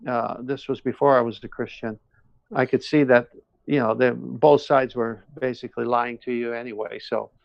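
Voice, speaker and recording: A man's voice: mid-range voice, flat delivery, moderate pace, creaky, no echo, muffled recording. A man talking casually and at length, earnest and emphatic, often repeating his phrases. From born in Iran, moved to the United States at seven. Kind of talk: casual conversation, personal testimony and opinion.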